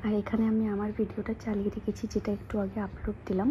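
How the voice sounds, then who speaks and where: A woman talking casually into a phone camera at home for her vlog, at times speaking softly so a sleeping child stays asleep. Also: medium pitch, level tone, quick pace, dull audio, a little hiss or hum. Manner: soft hushed talk so a sleeping child won't wake. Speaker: vlogger. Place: home room.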